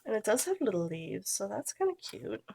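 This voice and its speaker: With a mid-range voice, a slightly fast pace and some vocal fry, this thirty-something scrapbooking vlogger sounds nasal from a cold. She chats in a relaxed way during a craft tutorial, trailing off as she works. Slight background noise is audible.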